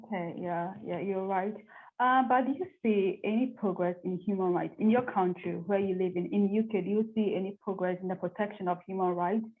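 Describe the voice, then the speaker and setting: A woman's voice: medium pitch, steady tone, fairly quick. A woman interviewer who asks simple questions and often repeats them. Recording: tinny phone-like line.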